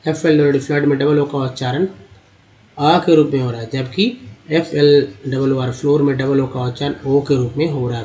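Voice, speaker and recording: A man with a Hindi accent teaching English phonics, reading word lists slowly and drawing each word out. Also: on the high side, dark tone, muffled recording. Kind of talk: screen-share phonics lesson.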